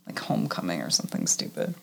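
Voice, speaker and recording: A woman's voice: quick pace, slight background noise. A young woman co-hosting a podcast, chatting casually and wryly while watching a movie, laughing easily. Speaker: podcast co-host.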